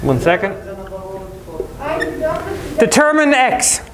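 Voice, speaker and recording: A male English teacher in a school classroom, explaining words to students with quick, jokey everyday examples. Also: very high-pitched, big pitch swings, heavy background noise.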